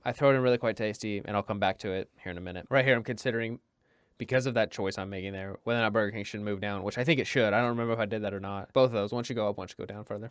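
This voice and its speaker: A young man comments over his own food review footage, rattling along at a brisk clip. His voice is smooth and clear and sits close to a dry mic. He is chatty and pokes fun at himself, circling back and restarting his sentences. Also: mid-range voice, no echo. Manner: self-deprecating, chatty, rambling with restarts.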